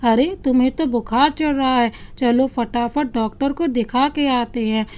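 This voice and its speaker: A woman's voice: high-pitched, fairly even intonation, measured pace, darkish tone. A woman voicing a loving, playful young husband who teases his wife affectionately, in a storybook reading. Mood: teasing. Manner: teasing, affectionate.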